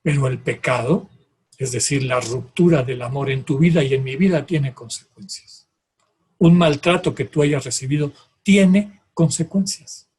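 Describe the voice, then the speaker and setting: A man giving a calm, measured talk on contemplative prayer, speaking straight to his listeners. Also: medium pitch, husky.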